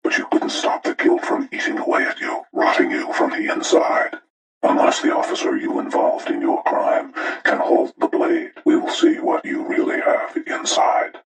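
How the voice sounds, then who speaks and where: For a horror video game, an actor plays a cold, menacing older male serial killer, delivering deliberate, ominous, moralizing monologues in a breathy, gravelly rasp. The mood is grave and judging, the acting light, and the recording rough and roomy.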